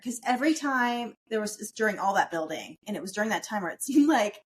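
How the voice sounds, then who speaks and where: A woman in relaxed conversation, mostly listening and backing up her co-host with short agreeing replies. When she tells her own story, her tone stays easy and conversational. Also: mid-range voice, fast talker. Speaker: podcast co-host. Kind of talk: casual chat.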